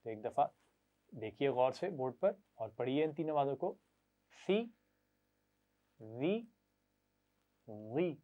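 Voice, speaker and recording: A man, teaching children Quran reading, slowly drilling sounds and asking them to repeat after him with praise. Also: medium pitch, expressive. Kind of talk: children's recitation lesson. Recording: tinny phone-like lo-fi audio.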